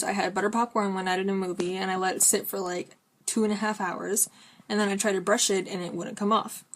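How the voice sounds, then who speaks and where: A woman talks with braces in a casual vlog style, her voice sitting at a medium pitch. She is chatty and rambles along, often breaking into her own sentences to add an aside. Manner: talking with braces; rambling, chatty, self-interrupting. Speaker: vlogger. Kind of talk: casual chat to camera.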